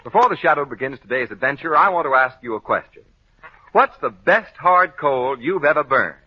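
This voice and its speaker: Old-time radio announcer man, high lively voice. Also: fairly quick, soft background music. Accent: American. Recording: dull, band-limited old radio broadcast.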